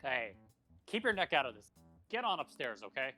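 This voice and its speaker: A man's voice: mid-range voice, sing-song, moderate pace, bright, forceful tone, faint music behind. A man as a dry, weary cafe owner. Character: middle-aged male cafe owner, dry and guarded. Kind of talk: fan comedy dub.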